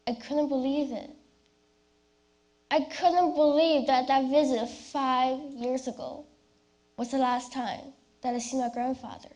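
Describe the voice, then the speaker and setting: A young woman delivering a rehearsed, memorized competition speech as a personal story, with deliberate, theatrical phrasing and dramatic pauses. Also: sits high, fairly even intonation, darkish tone. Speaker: youth speech competition contestant.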